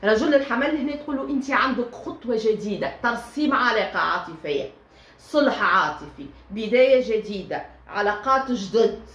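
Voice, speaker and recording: A woman's voice: fairly high pitch, expressive, fairly quick, a bit bright, muffled recording. Chatty Tunisian woman reading tarot. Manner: chatty, fillers and direct address to listeners. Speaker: tarot reader. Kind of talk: casual tarot reading monologue. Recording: echoey room with faint ambient noise.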